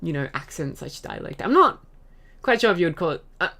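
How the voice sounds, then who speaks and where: A woman's voice: lowish voice, sing-song, fairly quick, sharp tone. A young Australian woman streaming, chatting casually with her audience, giggling often and rambling through fillers and restarts. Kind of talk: casual chat reading chat messages.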